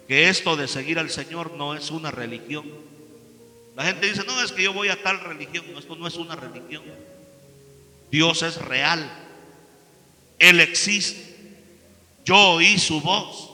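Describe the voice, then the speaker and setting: Man with a Mexican accent, slightly high, preaching testimony that swings from hushed to loud in a reverberant church. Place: church hall. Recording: long church-hall reverb.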